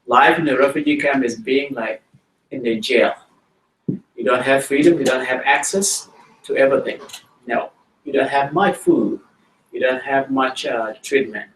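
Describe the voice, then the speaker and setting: A man's voice: mid-range voice, a bit bright, slight background noise. South Sudanese man speaking to schoolchildren. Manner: plain, slow-paced storytelling, addressing children directly. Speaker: guest speaker. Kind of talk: talk to schoolchildren. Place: school library. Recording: roomy hall audio from a distance.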